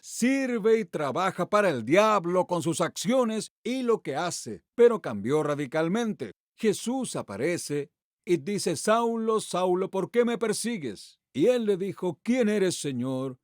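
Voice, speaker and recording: A man's voice: high-pitched, very animated, takes it slowly, no room sound, clean studio sound. A man preaching a sermon as pastor, asking the congregation rhetorical questions and reading Bible passages aloud with emphatic delivery.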